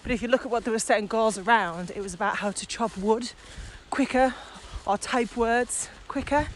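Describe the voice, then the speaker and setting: Strolling outdoors on a village walk, a female podcast co-host talks through ideas in casual conversation at a normal speed with a fairly high voice. The recording picks up plenty of ambient outdoor noise.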